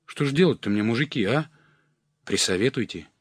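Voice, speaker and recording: A man's voice: medium pitch, animated, brisk, slightly rough, no echo, clean studio sound. A man voicing a simple, bewildered village man who pleads in rustic speech during a story reading. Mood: pleading. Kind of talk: audiobook character voice.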